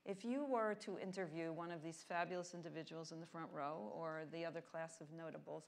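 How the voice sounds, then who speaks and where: Woman interviewer, lower voice, upbeat and direct. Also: fairly even intonation, brisk, vocal fry. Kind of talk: onstage interview.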